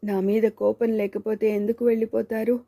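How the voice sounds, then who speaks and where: A woman voicing a tearful young wife who speaks in a hurried, sobbing way. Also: on the high side, flat delivery, creaky, warm tone.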